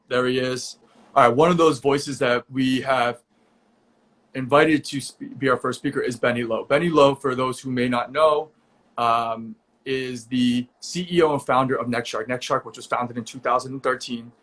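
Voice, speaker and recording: A young man hosts an online conversation over a video call, his voice sitting in an ordinary middle pitch. He talks casually and upbeat, filling gaps with ums and quick restarts. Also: a bit bright. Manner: casual, upbeat, with frequent fillers. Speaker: host. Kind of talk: virtual event interview.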